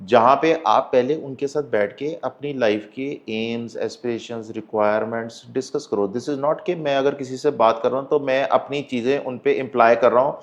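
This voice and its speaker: A man's voice: medium pitch, moderate pace, few pauses. A man, a life coach, giving earnest, emphatic advice in a podcast interview, switching between Hindi and English. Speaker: life coach and hypnotherapist guest.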